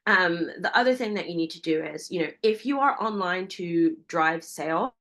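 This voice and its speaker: A woman runs a business webinar at a brisk, excited pace. Her voice sits a little low for a woman. She keeps putting direct questions to her listeners. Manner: fast, enthusiastic and direct, asks the audience many questions. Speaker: founder and CEO giving a webinar. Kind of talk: energetic business presentation.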